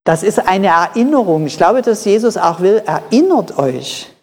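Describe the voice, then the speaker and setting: A preacher delivers a sermon in short, measured phrases and circles back to drive each point home. The voice sits at an ordinary middle pitch. A long reverb tail hangs behind every phrase, as in a church hall. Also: big pitch swings, darkish tone. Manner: explains in short phrases, repeats key points for emphasis.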